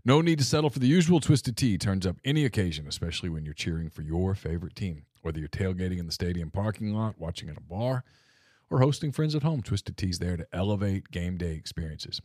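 A male co-host delivers a scripted ad read. His voice sits low, and the recording is dry and close with very little room sound. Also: expressive, quick pace, darkish tone, no echo. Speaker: co-host reading sponsor spot.

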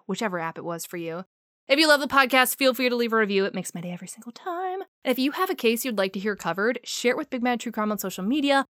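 Woman podcast host, middle-pitched voice, dry close sound, talks bluntly and swears freely. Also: fairly bright tone, no room sound. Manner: blunt, profane and impassioned. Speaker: true crime podcast host. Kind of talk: podcast sign-off and personal rant.

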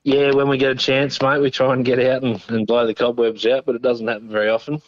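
A man's voice: medium pitch, flat delivery, fast talker, no room sound. A middle-aged Australian man giving a casual phone interview in a laconic, understated outback drawl. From northern New South Wales, Australia. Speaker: interview guest, machinery operator. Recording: dull phone line.

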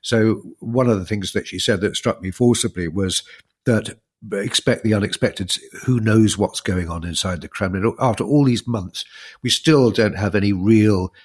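Croaky man with a lowish voice. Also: normal speed, darkish tone. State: croaky from illness, recovering. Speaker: podcast co-host. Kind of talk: conversational analysis.

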